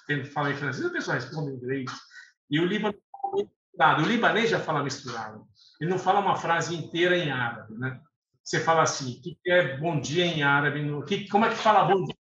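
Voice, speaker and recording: Chatty man, bright voice. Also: fairly high pitch, lively intonation, brisk, a little hiss or hum. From Lebanon. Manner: chatty, laughs often, self-correcting. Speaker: guest. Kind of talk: casual interview chat. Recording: echoey room, dull lo-fi sound.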